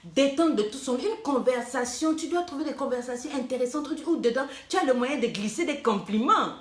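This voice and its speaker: A woman relationship coach giving lively, teasing advice, slipping English phrases into her talk. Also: sits high, a little fast. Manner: teasing, playful, animated, mixing in English phrases. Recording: echoey room.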